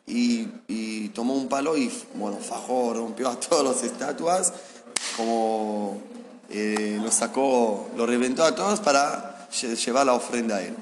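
A man with a Rioplatense Spanish accent, a rabbi giving a Torah lesson who tells the story with lively acted-out dialogue. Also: medium pitch, roomy sound, long reverb tail, noisy background. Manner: animated storyteller acting out dialogue.

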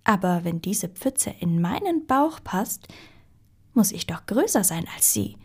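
A woman's voice: medium pitch, big pitch swings, measured pace, darkish tone, husky, heavily acted. A woman voicing a very polite, timid male hare in a storybook reading, in whispered role-play with an overly courteous manner.

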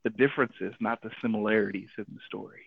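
A man telling a personal story and drawing a faith lesson from it, animated, acting out the people he quotes and often adding "right?". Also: fairly low pitch, quick pace, vocal fry, breathy edge, no echo. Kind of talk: casual radio talk. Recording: tinny phone-like radio audio.

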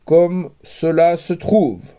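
A brash, cheeky young simpleton from a storybook, blunt and unruffled, as a man reads him. The voice is mellow and slow, close to the reader's own. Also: a little high.

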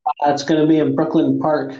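A man's voice: on the high side, little pitch movement, fairly quick, a crowd in the background. Man podcasting as if inside an echoey fishbowl. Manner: crude dark-humored joking, swearing. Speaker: podcast host. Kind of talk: casual joking podcast chat. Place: echoey room, not soundproofed. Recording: echoey untreated room, fishbowl-like, muffled.

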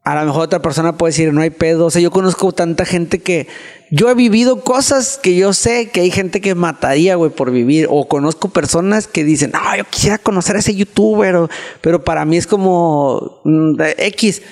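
A young Mexican-accented man with a notably high voice tells his story as a podcast guest. He talks in loose, slangy casual chat and pokes fun at himself. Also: normal speed, darkish tone. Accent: Mexican Spanish. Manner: slangy, peppers speech with filler words, self-mocking. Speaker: guest youtuber.

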